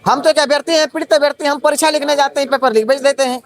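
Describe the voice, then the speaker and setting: High-voiced young man protesting fast. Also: fairly even intonation. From Jharkhand. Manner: indignant, rapid, rhetorical questions. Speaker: protesting exam candidate. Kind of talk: impassioned street interview.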